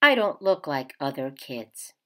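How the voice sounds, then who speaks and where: This is a woman's slow, expressive storybook read-aloud of a picture book meant for young kids. Her pitch rises and falls a great deal, with big swings throughout.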